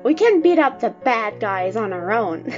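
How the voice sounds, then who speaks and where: A woman puts on a small monster boy for an audio drama. The voice is high and eager, full of cocky slang, on a slightly muffled lo-fi mic with faint music behind. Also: sing-song, measured pace, a little mellow. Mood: excited. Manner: slangy, eager kid talk. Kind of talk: fan audio drama acting. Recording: dull, lo-fi microphone sound.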